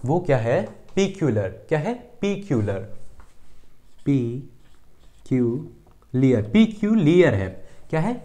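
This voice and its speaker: A man's voice: a little high, big pitch swings, normal speed, warm tone. A man teaching English vocabulary in a casual online lesson, repeating each word and checking often that students follow. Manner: repetitive, checks understanding often, drills words.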